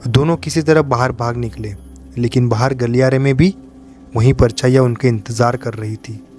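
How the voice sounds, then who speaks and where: A man narrating a horror story in a steady, dramatic way. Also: mid-range voice, normal speed, faint music behind.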